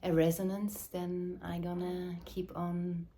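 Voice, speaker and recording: A woman from Switzerland, speaking English as an in a slow, searching, reflective address, often dropping into soft whispers. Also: lowish voice, level tone, slight background noise. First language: Swiss German or Dutch. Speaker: mother and movement teacher. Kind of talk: reflective spoken address to camera.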